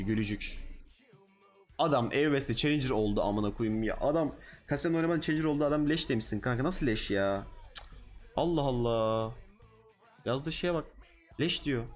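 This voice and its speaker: Blunt slangy male streamer. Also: on the high side. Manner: blunt, slangy, addressing chat directly. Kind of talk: casual livestream chat.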